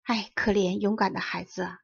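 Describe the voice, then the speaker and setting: Storybook cavalry officer, stern and commanding, read by a woman with a gravelly voice. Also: mid-range voice, little pitch movement, moderate pace, no room sound, lo-fi sound. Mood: grieving. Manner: urgent barked commands.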